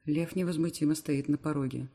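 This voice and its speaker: A male audiobook reader narrating a novel in the first person. His voice sits slightly high. The delivery is steady and scripted. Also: brisk.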